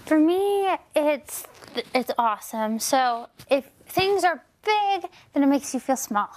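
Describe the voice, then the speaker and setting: A woman's voice: high-pitched, animated, slow. A young American woman in her twenties, chatty and upbeat, casually showing off her room. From United States. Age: 20s.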